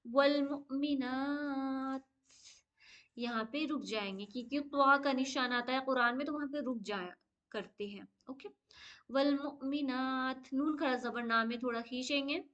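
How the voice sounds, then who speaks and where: High-voiced woman teaching recitation. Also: bright, forceful tone, dull audio. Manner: patient, explains step by step, often says okay; slow drawn-out chanted Arabic recitation. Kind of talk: online tajweed lesson.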